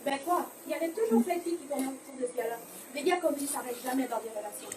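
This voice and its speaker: A woman's voice: high-pitched, lively intonation, rapid-fire. A woman playing a blunt young friend who mocks and teases, in an amateur church skit. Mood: mocking. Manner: teasing, sarcastic. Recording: echoey hall, distant mic, noisy.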